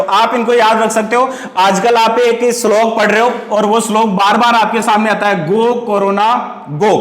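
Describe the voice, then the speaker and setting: A man's voice: high voice, fairly bright tone. A male teacher giving a lesson who asks questions and answers them himself, repeating key words and teaching memory tricks through wordplay. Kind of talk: classroom lecture with question-and-answer drills. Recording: echoey classroom recording with long reverb.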